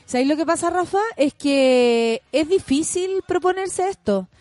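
A woman with a Chilean accent hosting a casual conversation, supportive and quick to finish the other speaker's thoughts. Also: sits high, lively intonation, a little mellow, dry recording. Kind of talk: casual chat.

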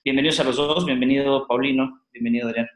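A man's voice: medium pitch, fairly even intonation, fast. Male podcast host, upbeat, chatty, hesitant fillers, roomy echo. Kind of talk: podcast interview hosting. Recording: roomy, echoey sound.

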